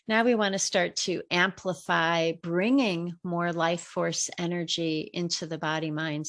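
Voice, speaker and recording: A middle-aged woman leading a guided meditation, giving slow, gentle breathing and relaxation instructions. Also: fairly low pitch.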